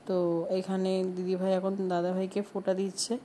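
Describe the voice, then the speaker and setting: A woman talks through her vlog footage in a chatty, explaining voice-over. Her pitch stays level and even throughout. A faint noise sits under the recording. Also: normal speed. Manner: chatty, explains family names and relations. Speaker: vlogger.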